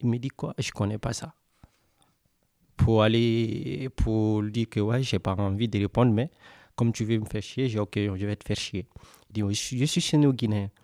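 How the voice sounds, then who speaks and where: Young guy from west africa telling his story, low mellow voice, dry sound. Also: moderate pace, no echo. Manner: casual, conversational, acts out dialogue. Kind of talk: personal storytelling on radio.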